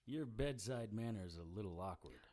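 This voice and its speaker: Guy voicing a dry joking detective narrating a radio mystery, lowish voice. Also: normal speed, lightly acted. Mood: wry. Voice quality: wry, deadpan. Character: dry-witted male private investigator narrator. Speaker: narrator and lead character. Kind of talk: hardboiled audio drama narration.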